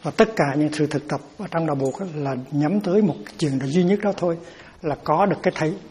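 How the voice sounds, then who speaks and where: A man's voice: fairly high pitch, fast talker, a little mellow, a little hiss or hum. A man giving a Buddhist dharma talk as teacher, explaining terms patiently and often repeating words as he searches for them.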